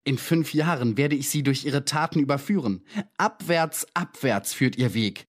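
A man voicing a calm, uncanny male visitor who speaks in measured, coolly accusing tones in an audiobook reading. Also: mid-range voice, lightly acted.

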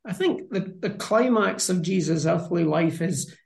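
A man's voice: high voice, animated, a little slow, vocal fry, darkish tone, roomy sound. A man co-hosting a conversational Bible discussion, explaining passages in a thoughtful, earnest way. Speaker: Bible study co-host.

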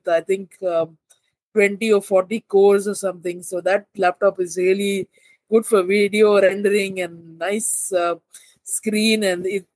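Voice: medium pitch, no room sound. A co-host on a casual tech podcast, explaining product details with some hedging.

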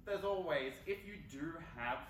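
A man's voice: a little high, lively intonation, normal speed, recorded from a distance, heavy background noise. Wry, opinionated Australian man. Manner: opinionated, wry, swears casually. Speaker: podcast panelist. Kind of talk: live panel banter. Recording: echoey hall, off-mic, faint ambience.

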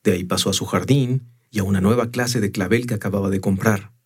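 A man narrating a story in the first person in a measured, unhurried way. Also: lowish voice, steady tone, slightly rough. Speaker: audiobook narrator.

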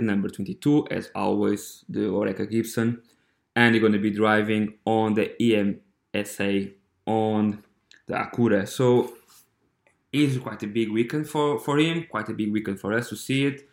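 A Portuguese-accented man speaks in a casual, halting way, stopping often to restart his sentences. His voice sits low and stays fairly flat in tone. The room around him gives a noticeable echo. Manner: hesitant, halting, with many fillers and restarts. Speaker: podcast host. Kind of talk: casual monologue.

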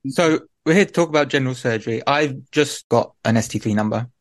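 A man with a mid-pitched voice hosts a podcast conversationally. The sound is very dry, with almost no room in it. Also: a little fast, no room sound. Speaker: podcast co-host, surgical trainee.

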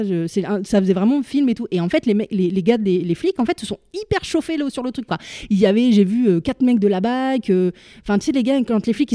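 A woman's voice: mid-range voice, mellow, no echo. Chatty woman telling a story, dry sound. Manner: chatty, halting, full of fillers and slang. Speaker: storyteller guest. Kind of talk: casual personal anecdote.

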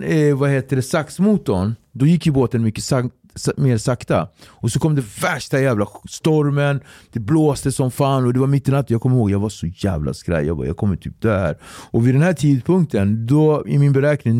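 A man guesting on a podcast, telling a story in a casual, animated way, swearing and acting out what others said. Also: medium pitch, dry recording, clean studio sound. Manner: animated, swearing, acts out quotes, laughs through the story.

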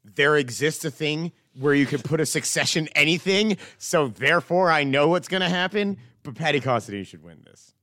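A man's voice: on the high side, expressive, normal speed, few pauses, fairly bright tone, dry recording, clean studio sound. A man co-hosting a podcast, sarcastic and swearing in casual banter. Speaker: podcast co-host. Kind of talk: casual chat.

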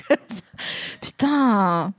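A woman's voice: mid-range voice, lively intonation, very slow. A woman hosting a casual chat, playful and teasing, swearing and laughing often. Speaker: host.

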